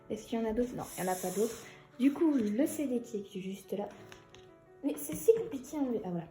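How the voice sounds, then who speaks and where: A young woman chatting excitedly and giggling as she unboxes an album for her vlog. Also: mid-range voice, roomy sound.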